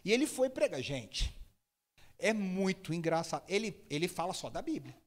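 A man preaching a sermon, telling stories lively and imitating people with sudden high shouts. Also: normal speed.

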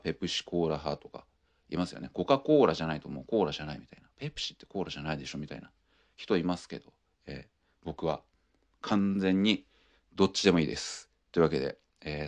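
A young man with a deep, low voice chats alone on his podcast. He tells his stories in a loose, rambling way, full of fillers and easy asides. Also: fast talker. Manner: rambling, laid-back storytelling with frequent fillers. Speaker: podcast host. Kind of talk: casual solo chat.

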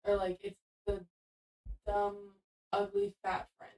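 Soft-spoken woman podcast guest. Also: medium pitch, monotone, slow pace, low-quality recording. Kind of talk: casual chat.

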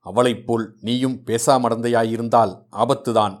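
A man's voice: medium pitch, steady tone, moderate pace, lightly acted. A man reading aloud voices a mocking young man who teases a shy bride.

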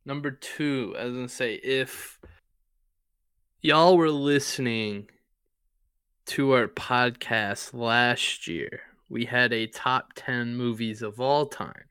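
Man, podcast co-host, casual movie chat, rambling, smooth clear voice. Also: mid-range voice, takes it slowly, dry recording, clean studio sound. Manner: relaxed, rambling, with fillers and swearing.

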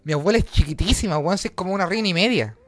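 Fast-talking Chilean man telling a story. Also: high-pitched, lively intonation, no echo. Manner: rambling, slang-heavy, swearing, acts out voices. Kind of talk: casual storytelling chat. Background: guitar music.

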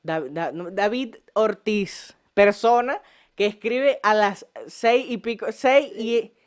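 Speaking slowly in a high-pitched, clean voice, a young Venezuelan-accented man runs a casual podcast at home. He swears plenty, cracks jokes and keeps laughing as he tells his stories.

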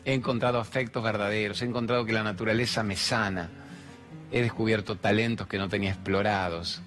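A man's voice: fairly low pitch, fairly even intonation, fairly quick, a bit bright, faint music behind. A man in his fifties with a Rioplatense accent, hosting a talk show and giving blunt, crude, provocative advice, acting out other people's words. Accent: Rioplatense Spanish. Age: 50s. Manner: acts out quoted voices. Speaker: host answering audience questions.

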